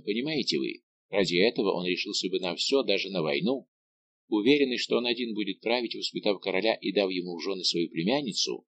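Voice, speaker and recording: A man's voice: on the low side, fairly bright tone. A man reading an audiobook, voicing a young noblewoman who pleads with her royal lover in a passionate, pleading way.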